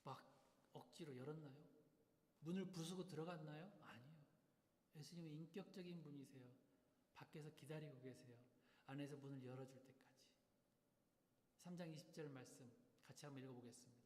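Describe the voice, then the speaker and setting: A man's voice: fairly high pitch, fairly quick, darkish tone. Emphatic preaching man in echoey hall. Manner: emphatic preaching with rhetorical questions. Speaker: pastor. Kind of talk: sermon. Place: church sanctuary. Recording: echoey hall, long reverb.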